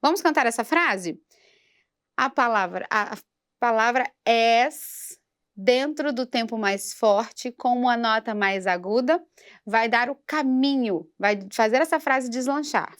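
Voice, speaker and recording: A woman teaches singing in a church program, talking slowly and patiently. Her speaking voice sits fairly high for a woman. She takes her time over each point and stops now and then to sing a phrase as a demonstration. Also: expressive. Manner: slow, patient instruction with sung demonstrations. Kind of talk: vocal lesson for a church program.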